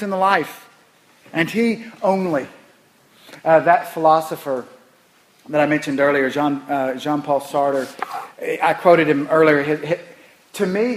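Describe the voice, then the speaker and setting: A middle-aged male pastor preaching a sermon, impassioned, repeating phrases and swinging from soft, low words to loud, rising ones. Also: rough recording.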